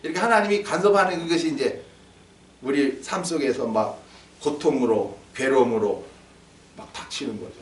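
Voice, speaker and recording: A man preaching a sermon in church, animated, acting out little dialogues and quizzing his congregation. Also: mid-range voice, normal speed. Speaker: pastor. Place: church sanctuary. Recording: echoey hall, mic from a distance.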